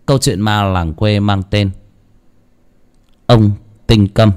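A man, a channel host, reading a village ghost story and pausing with fillers between phrases. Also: lowish voice, steady tone, darkish tone, clean tone. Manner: hesitant, many fillers in the intro.

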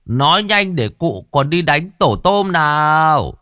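A man voicing a cocky young girl who taunts ghosts in a loud, brash voice. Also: fairly high pitch, big pitch swings, takes it slowly, no echo, clean studio sound, pitched above the performer's own voice, full character voice. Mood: taunting.

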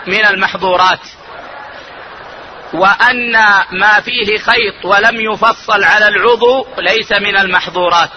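A man who is an Islamic scholar, giving a religious lesson on jurisprudence in a measured, deliberate way and slowing down to stress key points. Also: high-pitched, bright, forceful tone, dull audio, a little hiss or hum.

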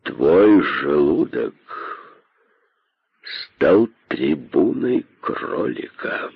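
A great python king, voiced by a man, speaks with slow, cold contempt and open menace. His voice sits deep and husky, and it is dry and a bit dull, like an old audiobook recording. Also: sing-song, dry recording, full character voice. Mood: menacing.

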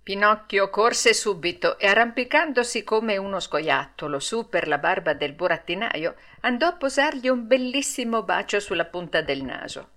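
A woman reading a classic children's story aloud as an audiobook narrator, with slow, deliberate storytelling. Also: medium pitch, lively intonation, a bit bright. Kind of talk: scripted narration.

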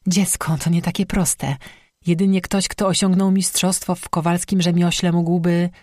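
A fierce star-woman and master smith, commanding and grave, voiced by an audiobook narrator. She speaks firmly, with a note of warning, at a middling pitch. The storybook recording is close and dry. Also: fairly even intonation, moderate pace, darkish tone, no room sound, close to an everyday voice. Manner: firm, warning tone. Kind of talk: audiobook reading.

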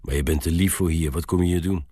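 A man plays a gruff old soldier keeping watch at a gate in a storybook tale, booming and blunt. The voice is very deep and breathy, recorded dry and close. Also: fairly even intonation, quick pace, warm tone, no echo. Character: gruff old male soldier gatekeeper, lonely.

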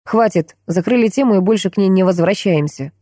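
A woman's voice: mid-range voice, a little fast, warm tone, no echo, clean studio sound, lightly acted. A woman voicing a middle-aged doctor, a strict and agitated father who speaks sharply and sternly.

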